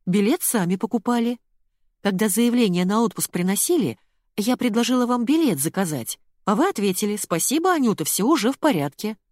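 A woman's voice: mid-range voice, lively intonation, brisk, a little mellow, no echo, clean studio sound, pitched above the performer's own voice, close to an everyday voice. A woman voicing a timid, helpful young female secretary on the phone in an audiobook. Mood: eager.

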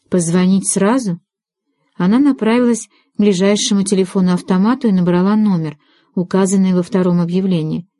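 Mellow woman narrating an audiobook. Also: fairly low pitch, no echo, studio quality. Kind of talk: scripted narration.

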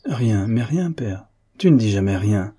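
A man voicing a pale young woman who reassures softly in a storybook reading. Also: fairly low pitch, animated, unhurried, slightly rough. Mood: soothing. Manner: soft, reassuring. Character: pale, gentle young woman, worried daughter.

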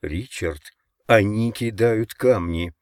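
A calm teenage boy speaks quietly and urgently to his friend, as a man reads him in an audiobook. The voice sits low and soft. The recording is dry and close. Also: slow pace, clear, resonant tone, no echo. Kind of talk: audiobook character voice.

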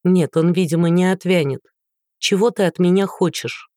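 A woman voicing a sharp-tongued, scornful young woman who answers with biting mockery. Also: fairly low pitch, moderate pace, no room sound, clean studio sound, close to an everyday voice. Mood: mocking. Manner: mocking, biting.

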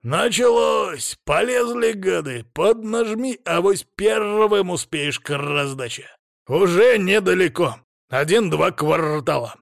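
A man voicing an excitable male familiar spirit that flies ahead and urges the hero on in eager shouts, in an audiobook. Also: high-pitched, vocal fry, dry recording, studio quality, pitched above the performer's own voice, exaggerated voice. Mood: excited. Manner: eager, urging, quick shouts. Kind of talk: audiobook character voice.

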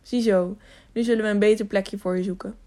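A woman voicing a gentle, reassuring knight. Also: mid-range voice, fairly even intonation, fairly quick, close to an everyday voice. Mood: calm reassuring. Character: calm caring male knight, middle-aged.

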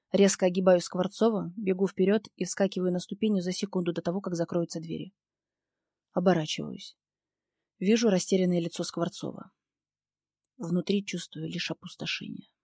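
A woman's voice: lowish voice, gravelly, dark tone, breathy edge, no room sound, studio quality. A woman reading a first-person novel aloud in a tense, intense manner. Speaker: audiobook narrator.

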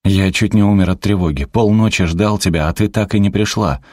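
A man's voice: deep voice, a little fast, darkish tone, dry recording, clean studio sound, pitched above the performer's own voice. A man playing a resentful grown son who speaks in a sarcastic, accusing tone.

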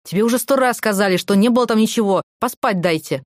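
A woman's voice: mid-range voice, fast, lightly acted. Woman voicing a curt, snapping bunkmate. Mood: irritated. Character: gruff sleepy woman on the top bunk.

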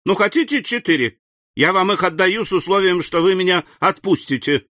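Man voicing a desperate banker, high and pleading, lots of swing in the voice. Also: lively intonation, normal speed, pushed and bright, no echo, studio quality. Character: frantic aging male banker held captive.

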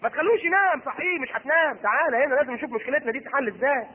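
A middle-aged man preaching a sermon in an Egyptian Arabic accent. He is animated and acts out the voices of husband and wife. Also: extremely high pitch, rapid-fire. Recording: husky voice on tinny phone-like recording.

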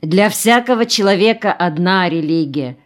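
A woman's voice: lowish voice, expressive, moderate pace, natural voice. A woman reading the part of a moralizing, melancholy male geologist who speaks in sententious maxims, in an audiobook. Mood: preachy. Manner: sententious, preachy.

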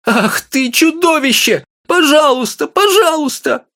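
A man reading an audiobook, voicing an agitated, shrill little wife who scolds her husband. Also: animated, unhurried, bright, forceful tone, full character voice. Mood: squealing. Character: shrill furious little wife, middle-aged.

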